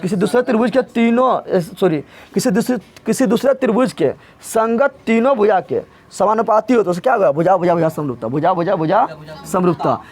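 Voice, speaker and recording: Male math tutor, high-pitched, drills the class with repeated call-and-response questions. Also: a little fast, a little mellow. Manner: drills terms by repeating words three times. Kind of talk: live classroom teaching.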